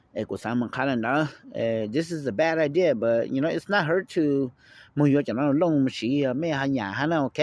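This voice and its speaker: A man hosting a casual talk to viewers, rambling quickly and checking in with "okay?", with English phrases slipped in. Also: fairly high pitch, a little mellow, no echo. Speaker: host.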